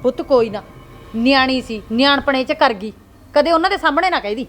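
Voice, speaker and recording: A woman playing a mother who pleads with her angry son to calm down. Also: sits high, fairly quick. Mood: pleading. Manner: pleading, calming. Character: soothing mother, anxious to keep peace. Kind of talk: web series drama acting.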